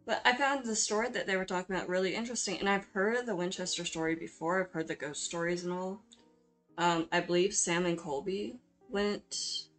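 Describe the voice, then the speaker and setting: A woman giving a chatty, informal voice-over for her video, speaking in a hesitant, apologetic, self-deprecating way. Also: mid-range voice. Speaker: video creator hosting a drawing speedpaint. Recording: music playing behind the voice. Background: background music.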